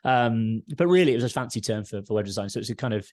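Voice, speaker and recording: A man with a Home Counties accent from the south of England talks in a low, closely recorded voice with very little room sound. He is chatty and informal, wandering through his answers like a relaxed podcast guest. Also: quick pace, no echo, clean studio sound. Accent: southern English, Home Counties. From Surrey, southern England. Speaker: podcast guest, tech and audio entrepreneur. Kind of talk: casual interview chat.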